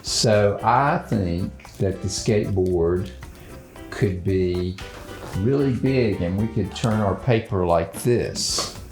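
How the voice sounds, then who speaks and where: A man hosting a children's drawing show thinks aloud through a casual lesson, gentle, unhurried and halting. His voice sits low, with roomy sound over music.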